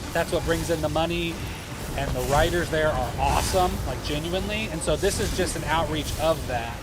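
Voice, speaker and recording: A man's voice: on the high side, heavy background noise. A man hosting a gaming livestream, chatting casually and rambling as he answers viewers' questions.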